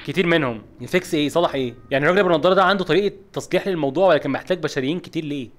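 A man's voice: a little high, rapid-fire. A man with an Egyptian accent giving jumpy let's play commentary, asking over and over what is happening. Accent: Egyptian Arabic. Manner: jumpy, keeps asking what is going on, frightened exclamations. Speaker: gaming video host.

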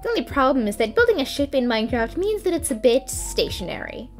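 A woman reads a scripted game tutorial as a voice-over, slipping in dry, playful asides. Her voice sits on the higher side. Quiet background music runs under her narration. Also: very animated, quick pace. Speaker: gaming video host.

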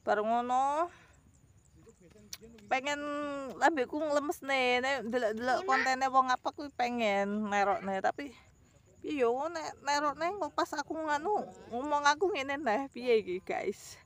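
Filming herself outdoors near rice fields with an arm's-length phone, a thirtysomething vlogger rambles to her audience, whom she calls guys. Her Javanese ngapak accent comes through a high-pitched, unhurried, somewhat bright voice.

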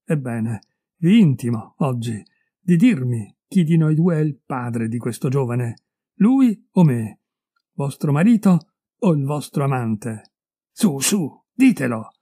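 A male reader voices a middle-aged husband, betrayed and furious, flinging accusations at his wife and her lover in a raised, heated tone. Anger pushes his fairly high, lively voice upward over a very dark, mellow base, at a slightly slow pace. The storybook recording is dry and close, with no echo.

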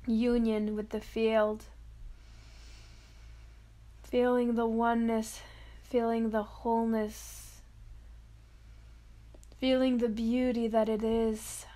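A woman guides an affirmation meditation, her fairly high voice soft and dreamy, drawing out phrases between long pauses.

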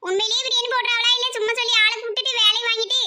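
Woman as a bossy cartoon elder sister, southern Tamil accent, very high and rapid, always scolding. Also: level tone, bright, forceful tone, a little hiss or hum, heavily acted. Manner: scolding, nagging. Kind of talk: cartoon voice acting.

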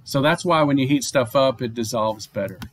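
Chemistry professor, male, mid-pitched voice, talking through slides in an online lecture, faint noise behind him. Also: normal speed. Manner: explanatory, with frequent fillers and restarts. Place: home or office, online lecture.

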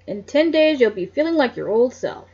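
An earnest, calm middle-aged male doctor talks in a read-aloud mystery, voiced by a woman in her own voice. The voice is husky, and the lo-fi recording sounds dull. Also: a little high, normal speed, heavily acted.

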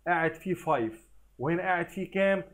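A man with a somewhat high voice and an Egyptian Arabic accent, teaching a recorded math lesson for children. He keeps asking questions and answering them himself, and he drops English math terms into his Arabic. He reads long numbers out slowly and deliberately. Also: fairly bright tone.

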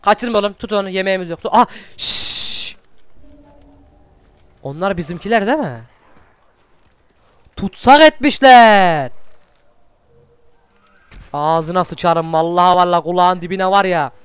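Excitable high-voiced man doing gaming commentary. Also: brisk, clear, resonant tone, no room sound. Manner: excitable, swearing, coaxing his wolf. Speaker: gaming channel host. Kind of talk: let's play commentary.

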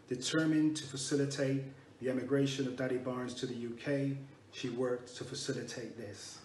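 A man reading a memorial tribute in a measured way, pausing to restart now and then. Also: mid-range voice, darkish tone. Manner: measured, reads with small restarts. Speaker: eulogy reader. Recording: roomy and distant with faint noise.

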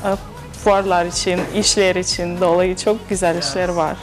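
A young woman with a foreign accent answers interview questions in broken, halting, simple non-native Turkish. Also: on the low side, level tone, over music, low-quality recording. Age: young adult. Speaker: guest, model and TV presenter. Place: TV studio. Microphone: lapel mic.

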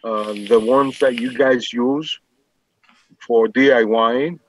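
A middle-aged man with a New York accent chatting casually on a video call, thinking aloud in halting phrases. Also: medium pitch, fairly even intonation, a little hiss or hum. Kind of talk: casual chat. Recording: dull lo-fi video-call audio.

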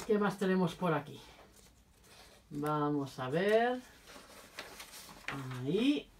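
Woman, casual video lesson, slow, lively pitch, careful repetition, chatty asides. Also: a little hiss or hum. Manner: chatty, apologetic asides while handling cards. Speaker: language teacher.

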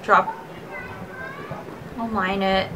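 A woman in her twenties giving casual, excitable gameplay commentary, talking herself through her moves. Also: mid-range voice, extremely slow. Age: 20s. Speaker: gamer and streamer. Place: bedroom, indoors. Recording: clear background noise with clicking.

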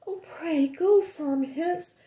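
Storybook maid, young and fearful, high and slow; a woman reading aloud does the voice. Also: dark tone, reverberant. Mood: frightened. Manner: slow, drawn-out pleading. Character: frightened young woman servant at a giant's door.

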